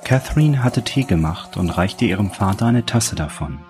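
A man reading an audiobook in a calm, even scripted narration. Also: lowish voice, moderate pace, faint music behind.

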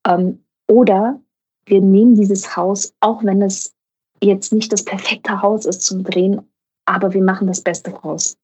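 A young adult woman, an actress, telling a lively anecdote and acting out the voices of the people in it. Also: unhurried, husky, low-quality recording. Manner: acts out voices of others in her story, often rising high. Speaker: actress and guest.

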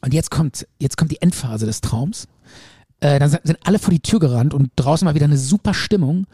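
A man with a slightly high, dark and husky voice chats casually, recounting a dream in a lively way. He slips into the voices of the people in his story. The sound is dry and close, with no room around it. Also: fairly quick, dry recording. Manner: lively storyteller who acts out quoted speech. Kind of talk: casual chat, retelling a dream.

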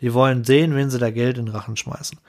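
A man chatting casually on a podcast, telling a lively story and acting out clients and bosses in quick voices. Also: medium pitch. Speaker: podcast co-host.

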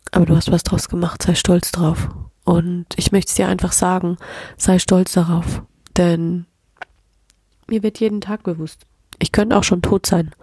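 A woman records a reflective solo podcast episode, speaking openly and emotionally about what is going on inside her. Her voice sits low and gravelly with a husky, breathy edge, and her nose is a bit stuffy from crying. The sound is dry and close, with warm, mellow tone. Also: flat delivery, moderate pace, no echo. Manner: open, emotional, self-reflective, drifting into soft whispers. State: teary, slightly stuffy nose. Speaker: podcast host. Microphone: plug-in microphone, close.

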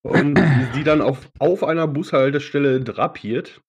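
A man's voice: fairly high pitch, unhurried, husky. A man hosting a podcast, chatting casually and telling anecdotes in a joking, colloquial way. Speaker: podcast host.

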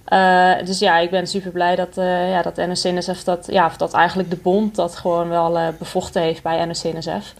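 A young woman, a triathlete guest on a podcast, answering hesitantly with lots of pauses and fillers. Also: lowish voice. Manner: hesitant, many fillers, flat delivery. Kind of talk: casual podcast interview.

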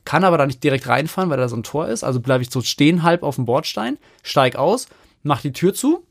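A man's voice: a little high, gravelly, no room sound, studio quality. A man co-hosting a podcast, animatedly telling an anecdote in a casual chat with lots of fillers. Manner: animated storyteller, rapid with many fillers. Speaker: podcast co-host.

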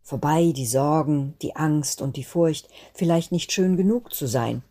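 A woman narrating a Christmas children's story in a gentle, expressive reading manner. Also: deep voice, unhurried. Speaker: guest storyteller.

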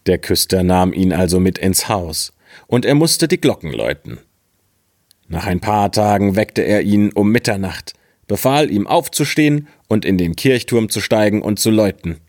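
A man narrating a fairy tale in a calm, measured audiobook style. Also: on the low side, no room sound, clean studio sound. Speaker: storyteller.

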